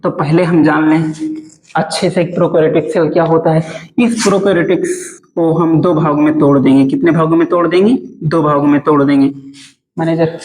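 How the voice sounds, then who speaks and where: Guy teacher, fairly high voice, drills answers by repeating them, roomy echo. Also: steady tone, fairly quick, darkish tone, a little hiss or hum. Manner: asks a question, then repeats the answer again and again. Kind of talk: biology lesson in Hindi.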